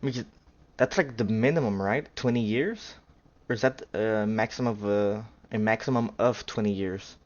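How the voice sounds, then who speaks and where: A man's voice: on the low side, normal speed, darkish tone. Rambling man reacting on a dull mic. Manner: rambling, unsure, full of fillers and self-corrections. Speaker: reaction streamer. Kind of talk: casual reaction commentary.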